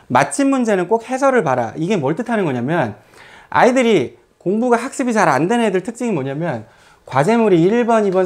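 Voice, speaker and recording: A man lecturing his math academy students in a blunt, scolding tone. His pitch swings up and down, and he keeps firing rhetorical questions at them. He lets casual swear words slip in as he talks. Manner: lively, lots of rhetorical questions.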